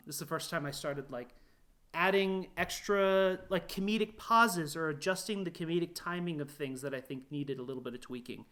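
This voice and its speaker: Excitable man with a bright, tense voice. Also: a little high. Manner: animated, laughs often, many filler words. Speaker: podcast guest, animator. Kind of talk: casual chat.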